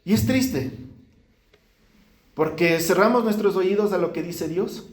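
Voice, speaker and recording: A male pastor delivering a lively sermon to his congregation, acting out pleading prayers as he preaches. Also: sits high, a little slow. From Ecuador. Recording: echoey church room.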